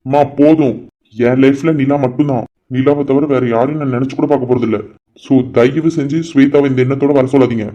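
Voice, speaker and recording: A man's voice: mid-range voice, fairly even intonation, brisk, warm tone, lightly acted. A man voicing an earnest young man in a cartoon, speaking in a protective, pleading way. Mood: firm. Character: earnest young man defending his girlfriend. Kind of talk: cartoon voice acting. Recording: dull lo-fi recording.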